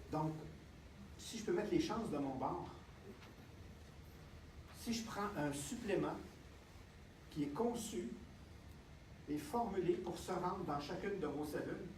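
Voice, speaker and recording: A man with a Quebec French accent gives a lively talk to a live audience. He keeps checking in with the listeners. His voice sits high, and it is picked up from a distance in an echoey room with faint ambience. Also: a little hiss or hum. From Canada. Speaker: health speaker.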